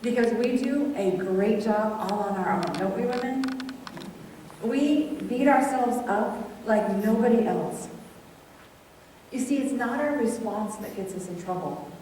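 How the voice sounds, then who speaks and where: A middle-aged woman giving a conversational sermon at a women's event, telling personal stories in an animated, chatty way. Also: on the high side, a little slow, a little hiss or hum. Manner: animated, chatty storytelling with audience questions. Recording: distant voice in a reverberant hall.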